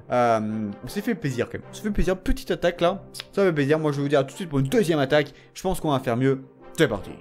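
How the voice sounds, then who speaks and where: Excitable young man trash-talking through a game. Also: fairly high pitch. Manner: excitable, playfully trash-talking, laughing often. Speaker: gaming channel host. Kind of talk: casual gameplay commentary.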